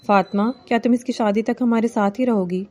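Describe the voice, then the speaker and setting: A woman's voice: on the high side, steady tone, mellow, natural voice. Woman reading as an older caring village mother. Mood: affectionate. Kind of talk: novel reading.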